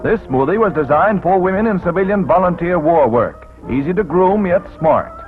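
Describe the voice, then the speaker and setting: A man narrating a 1940s wartime newsreel in a brisk announcer delivery with punchy quips, heard as old newsreel sound. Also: high voice, animated. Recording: tinny 1940s newsreel soundtrack with loud music.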